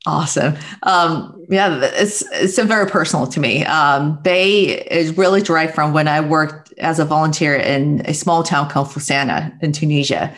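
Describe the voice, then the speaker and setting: A middle-aged woman born in Taiwan speaks as a guest on a video call through wired earbuds, from a room at home lined with bookshelves. Her voice is deep and her pace moderate with hardly any pauses, and she sounds earnest and reflective, laughing softly now and then.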